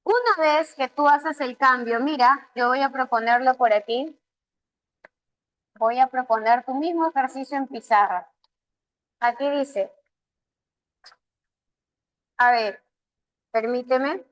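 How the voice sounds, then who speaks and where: A woman's voice: high-pitched, slow pace, long pauses, rough recording. A woman language teacher with a Peruvian Spanish accent, patiently explaining exam answers in an online class and voicing her students' questions. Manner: patient, asks students questions and voices their replies.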